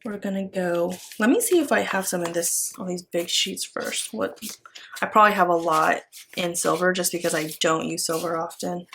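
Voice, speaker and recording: A woman's voice: on the low side, moderate pace, fairly bright tone, slight background noise. A woman with an American accent chatting casually as she works, rambling and thinking aloud as a craft vlogger. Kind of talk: casual chat while working.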